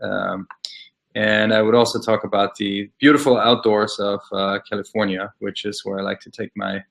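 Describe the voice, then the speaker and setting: A middle-aged man from Austria, a guest in a casual interview, speaking thoughtfully with many pauses and fillers. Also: on the low side, fairly even intonation, vocal fry, fairly bright tone. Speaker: interview guest, law scholar.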